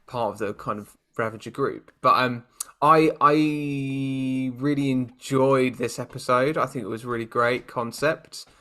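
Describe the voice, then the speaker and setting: Brief: young British guy, bright forceful tone, lively chat-show co-host. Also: medium pitch, unhurried. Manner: animated, laughs often, jokey quoted voices. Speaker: podcast co-host. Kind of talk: casual chat.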